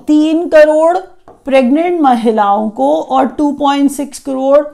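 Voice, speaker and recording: A woman's voice: high-pitched, measured pace, vocal fry, dark tone. A woman teaching an exam-prep current affairs lesson, explaining and repeating key facts so students memorize them.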